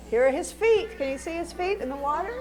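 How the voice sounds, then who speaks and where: A woman reading a picture book aloud to young children, expressively acting out exclamations and asking them questions. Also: very high-pitched. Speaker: children's story reader.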